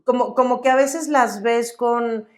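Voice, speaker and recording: A Mexican woman co-hosting a podcast, chatting casually in a warm, reflective way. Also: fairly high pitch, fairly even intonation, a little slow. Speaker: podcast co-host. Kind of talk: casual chat.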